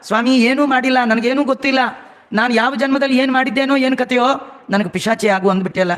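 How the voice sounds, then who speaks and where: A man's voice: very high voice, steady tone, fast, a bit bright. A man voicing a distraught male king, cursed, pleading helplessly with his lord.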